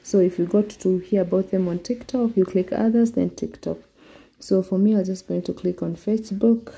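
A woman's voice: medium pitch, steady tone, vocal fry, warm tone. A Kenyan woman walking viewers through an online form step by step in a screen-recorded tutorial. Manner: slow, step-by-step explaining. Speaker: vlogger.

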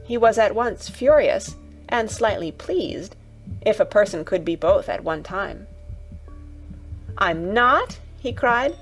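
A woman narrating a classic children's audiobook in a calm, even storytelling voice. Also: mid-range voice, a little slow, faint music behind, rough recording.

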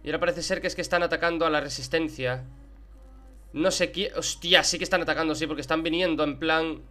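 A young man from Spain with a Spanish accent, giving excitable Let's Play commentary and swearing in surprise as he plays. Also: fairly high pitch, quick pace. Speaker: gaming YouTuber. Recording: game music behind.

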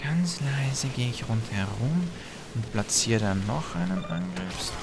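Excitable young man commentating a game. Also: fairly low pitch, unhurried, over music. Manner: animated, trash-talking, hums and mutters to himself. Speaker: gameplay commentator. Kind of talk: excited let's-play commentary. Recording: game sound effects and gunfire behind voice.

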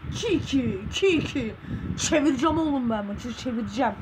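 A woman with a high, bright voice runs live commentary over a football video game. She flares up fast, cursing and shouting at her own team and the referee. A steady hiss of noise sits under the recording. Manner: hot-tempered, swears and yells at the game. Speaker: gaming channel host.

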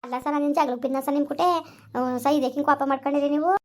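A woman playing a quick-tongued village wife who argues back and curses her husband in a comedy skit. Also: little pitch movement. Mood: defiant. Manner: argumentative, shrill, cursing.

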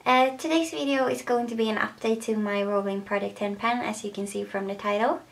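A woman's voice: fairly high pitch, fairly even intonation, brisk, vocal fry. A young woman with a Swedish accent talking casually to camera as a beauty vlogger, hesitant and full of fillers.

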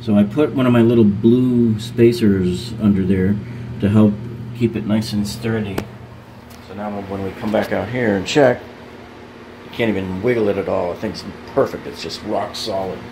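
This remodeling host's voice sits on the lower side, with fairly even intonation and a moderate pace, and there's noise in the background. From a home bathroom, he narrates a hands-on repair, laying out each step practically with casual filler words.

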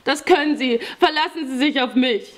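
A woman's voice: sits high, moderate pace, voice pushed up, close to an everyday voice. A woman voicing a frightened fifteen-year-old boy thief who whimpers and pleads, in an audiobook reading. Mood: earnest.

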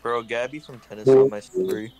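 A man's voice: mid-range voice, fairly quick. A young man casually chatting with friends during a game stream, teasing and offhand. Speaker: friend watching. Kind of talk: casual chat.

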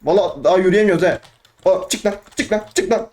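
A young man giving excitable, rambling let's play commentary, trash-talking opponents and talking to himself. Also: high-pitched, fast talker. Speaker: gaming YouTuber.

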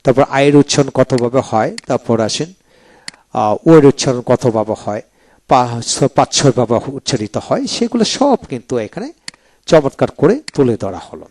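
Male tutor walking through a pronunciation book, lively rising and falling delivery, slows down to repeat sample words. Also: medium pitch, a little hiss or hum. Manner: explains step by step, repeats example words slowly, often says "then come". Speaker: English pronunciation teacher.

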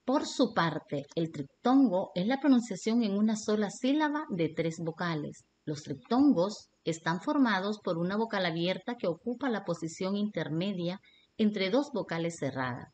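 A woman teacher with a Honduran Spanish accent, reading a scripted lesson in a slow, deliberate way. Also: mid-range voice, expressive, darkish tone, slight background noise.

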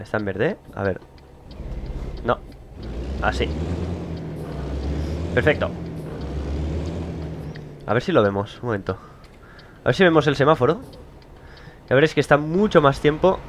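A man's voice: medium pitch, expressive, normal speed, long pauses. A young man with a Spain Spanish accent, rambling and joking at himself in casual let's-play commentary from a home studio. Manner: rambling, chatty, self-mocking, laughs often. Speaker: gaming YouTuber. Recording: loud driving game engine noise behind.

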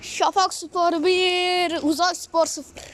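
Very high-pitched, shouting child football commentator. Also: level tone. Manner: screaming football commentator, repeats names, drawn-out calls. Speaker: match commentator. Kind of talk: excited football match commentary, shouted at goals. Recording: noisy amateur pitch-side recording.

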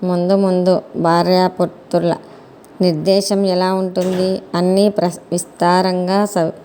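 A woman voicing the newborn god Rudra, a demanding young son who keeps pressing with questions in a slow, low voice. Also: flat delivery, mellow, slight background noise, natural voice. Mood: insistent. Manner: insistent questioning.

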